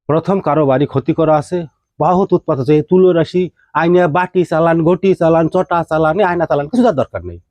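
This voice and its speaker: A man's voice: on the high side, fairly quick, darkish tone, no room sound. A man, teaching mantras. He chants verses in a rising singsong and keeps asking his listeners questions. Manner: addresses listeners directly with rhetorical questions. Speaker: tantric teacher. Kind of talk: devotional teaching talk.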